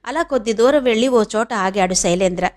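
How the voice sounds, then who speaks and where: A woman from India narrates a novel with steady, even storytelling. Her voice sits fairly high for a woman. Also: a little fast. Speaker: audiobook narrator.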